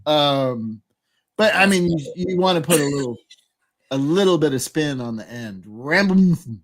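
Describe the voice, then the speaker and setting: A man's voice: a little high, lively intonation, normal speed. A man co-hosting a podcast in casual chat, rambling with lots of fillers and frequent laughter. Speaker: podcast co-host.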